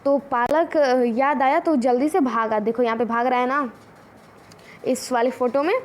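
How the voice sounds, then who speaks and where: Female teacher, high voice, repeats lines slowly for young kids. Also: steady tone. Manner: repeats lines slowly, asks the class questions. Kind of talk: explaining a children's story lesson.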